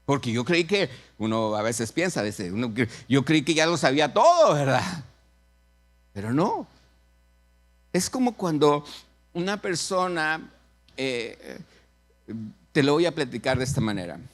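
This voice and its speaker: A man's voice: fairly high pitch, very animated, a little slow, long pauses. A man preaches by telling a story in a chatty way, often repeating himself and checking that listeners agree. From Mexico. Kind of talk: storytelling sermon.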